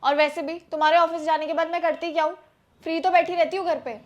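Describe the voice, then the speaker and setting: Performing in a scripted family skit, a woman voices a young wife who lays down the law to her husband about savings, firm and persuasive like a sensible homemaker. Her high voice moves fast and steadily with fairly even intonation. The sound is lo-fi.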